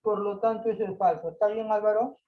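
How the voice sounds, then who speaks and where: A man's voice: high voice, fairly even intonation, brisk, narrow, tinny audio. A man teaching a math class online, explaining patiently, repeating points and checking that students follow.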